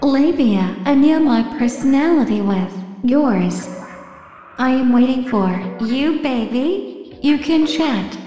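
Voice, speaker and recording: A brazen, seductive robot companion played by a woman purrs out a promotional spot. The voice is high and slow, languid, washed in long echo. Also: expressive, mellow. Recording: long hall echo, faint music.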